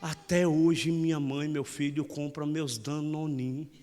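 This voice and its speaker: A man's voice: a little high, steady tone, takes it slowly, mellow, faint music behind. Brief: Brazilian priest in his forties, raised voice, playful preacher, church reverb. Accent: Brazilian Portuguese. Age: 40s. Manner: folksy, teasing, keeps saying "meu irmão". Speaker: parish priest. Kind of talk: lively humorous homily.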